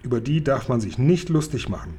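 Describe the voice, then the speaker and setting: A man voicing a big friendly old giant who brags about his hearing and plays with made-up words, in a husky, mellow voice. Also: mid-range voice, animated, a little fast. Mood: proud. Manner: whimsical, playing with made-up words.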